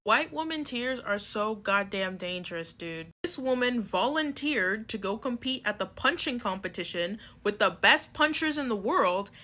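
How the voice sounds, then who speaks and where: Bright, exasperated woman commentator. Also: medium pitch, lively intonation, moderate pace, hardly any pauses. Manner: exasperated, sarcastic. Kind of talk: social media commentary.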